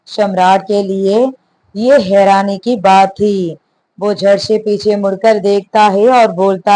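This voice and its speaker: A woman narrating a romance story in a measured, even reading. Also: medium pitch, rough recording.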